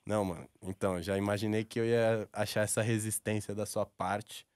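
A man's voice: fairly low pitch, flat delivery, a little fast, darkish tone, no room sound. A Brazilian man in his twenties in casual, coaxing, slangy chat at a studio microphone. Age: 20s. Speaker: radio prank caller. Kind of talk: casual persuasive phone prank chat. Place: radio studio. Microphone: studio microphone on desk stand.

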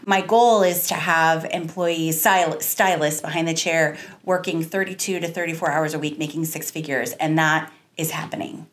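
A woman in her thirties speaks with a fairly low voice as a guest on a podcast. She talks earnestly and reflectively, running her thoughts together in long chains. She is recorded close on a desk microphone in a small studio. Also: fairly even intonation, moderate pace, hardly any pauses. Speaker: salon owner, guest. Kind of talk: podcast interview. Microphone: studio mic on a desk stand, wearing headphones.

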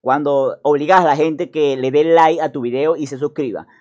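A man's voice: a little high, steady tone, normal speed, darkish tone. A man giving sarcastic voice-over commentary, mocking and scolding. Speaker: gaming youtuber.

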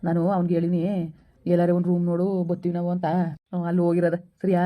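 A woman playing a young man who has eloped with his girlfriend and keeps calming her, in a village skit. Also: lowish voice, rapid-fire, lightly acted. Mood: soothing. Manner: soothing, urging calm, repeating himself. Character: young man Sharath, eloping lover, soothing. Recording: dull lo-fi recording.

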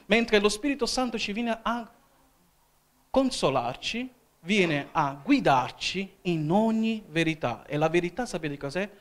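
A man's voice: high voice, lively intonation, a little slow. A man from Italy preaching a sermon as an evangelist in a church, often calling "Amen?" to the congregation. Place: church hall.

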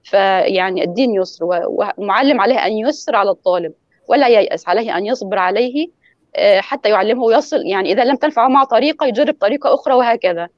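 A woman's voice: medium pitch, quick pace, no echo, highs cut off. A woman teaching in an online lecture, explaining pronunciation rules and demonstrating examples over a call. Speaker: guest lecturer on Quran recitation.

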